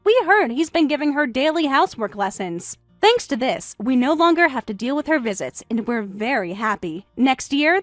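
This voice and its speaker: High lively scolding synthetic woman. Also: no echo. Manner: indignant, scolding. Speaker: narrator of a text-message story. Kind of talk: synthetic text-to-speech story narration.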